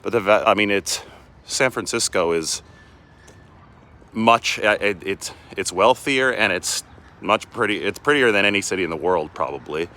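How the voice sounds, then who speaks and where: A sports reporter walks through city streets and a park holding a phone camera, chatting casually in a live vlog. His voice is lowish, animated, pushed and bright at a moderate pace, and he rambles, often restarting sentences.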